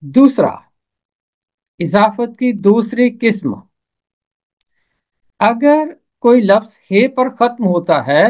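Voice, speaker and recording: A man teaching an Urdu pronunciation lesson, saying each example phrase twice in a measured way. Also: high voice, darkish tone, muffled recording.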